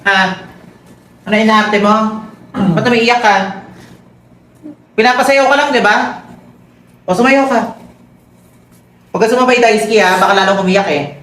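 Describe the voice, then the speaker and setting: A woman's voice: fairly high pitch, normal speed, pauses often, a bit bright. A woman who leads a dance practice, counting beats aloud and scolding the dancers. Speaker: dance leader. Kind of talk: casual group banter. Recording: echoey room, mic far off.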